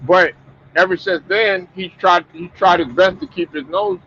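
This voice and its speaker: High-pitched and steady, this male sports talk host speaks at a normal speed with a pushed, bright tone. Congested and meandering, he keeps restarting and doubling up words on his casual stream. Faint noise sits under the muffled, lo-fi sound.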